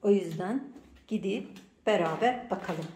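A woman hosting a casual home vlog, talking to viewers and her daughter in an animated, exclamatory way, with a playful scolding tone. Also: medium pitch, unhurried, background noise. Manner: switches to a cooing baby voice for the cat. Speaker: vlog host and mother. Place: home indoors.

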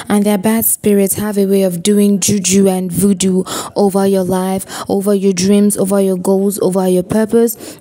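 A woman's voice: on the low side, dark tone. A woman vlogger giving a motivational talk straight to the viewer, emphatic and preachy, repeating phrases and asking rhetorical questions.

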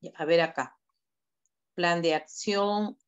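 Speaking slowly, with a fairly low, steady voice that sounds clear and resonant, a woman teacher corrects student work in a direct way over a video call. She gives step-by-step instructions during this online class feedback, and the call audio is dull and lo-fi.

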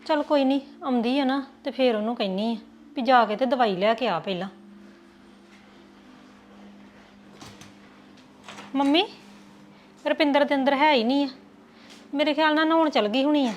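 A fretting young Punjabi sister-in-law, played by a woman, high-voiced and homely. She talks conversationally in a village family web drama. There is faint background noise. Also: a little fast, muffled recording, lightly acted. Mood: practical.

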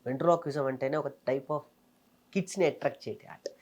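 A comedian and mimicry artist in his thirties from Telangana, India, tells the story of his career in a casual interview. His delivery is fast and animated, his voice mid-range, and the sound lo-fi.

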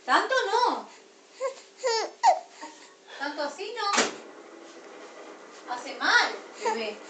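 A mother with an Argentine accent talking to her baby at home, coaxing her sweetly and scolding her gently. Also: very high voice, sing-song, extremely slow. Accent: Argentine Spanish. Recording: roomy, distant, noisy home video.

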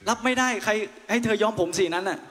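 A man's voice: high-pitched, quick pace, fairly bright tone. A young man, a singer on a mall stage, playfully teasing and joking with his crowd between songs. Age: young adult. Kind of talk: live stage banter with a crowd. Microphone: handheld stage mic through PA. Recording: reverberant live venue, faint music.

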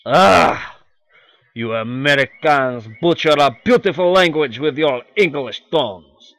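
A man's voice: a little high, animated, a little slow, a bit bright, dry recording. A man voicing a haughty young French girl from a visual novel, with a put-on, exaggerated French accent. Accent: fake French.

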